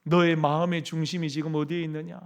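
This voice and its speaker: A man's voice: a little high, little pitch movement, fast talker, natural voice. A man voicing God in a sermon, asking insistent, searching questions.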